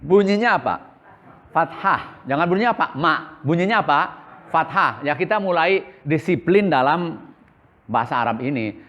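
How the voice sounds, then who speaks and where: A man's voice: fairly high pitch, lively intonation, normal speed, a bit bright, muffled recording. A man teaching a religious school class, asking questions and answering them himself in a repetitive call-and-response way. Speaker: Islamic boarding school teacher.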